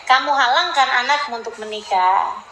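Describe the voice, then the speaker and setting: A woman's voice: a little high, moderate pace, pushed and bright, reverberant, slight background noise, rough recording. A woman preacher giving a casual sermon, reading out listeners' questions and answering them with teasing, chatty asides and laughs. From Indonesia.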